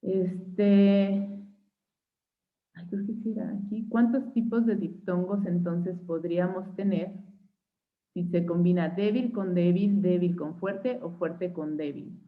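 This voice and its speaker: A woman's voice: fairly low pitch, fairly even intonation. Mexican woman teaching over a tinny line. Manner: checks in with frequent "¿sí?" and "¿va?"; patient, spells out examples slowly. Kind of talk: online phonetics class.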